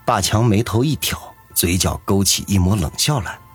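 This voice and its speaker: A man narrating a serialized novel with expressive storytelling. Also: lowish voice, moderate pace, slightly rough, faint music behind. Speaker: audiobook narrator.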